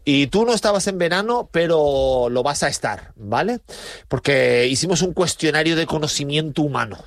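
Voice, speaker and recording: A man hosting a radio show, chatting casually and teasing his guest with quick asides. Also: a little high, lively intonation, no echo. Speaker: radio host. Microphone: studio microphone.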